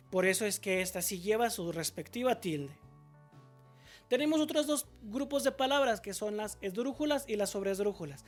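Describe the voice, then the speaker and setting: A female teacher with a voice on the high side gives a patient spelling lesson. Questions are asked and answered by her alone, and she pronounces example words slowly, syllable by syllable.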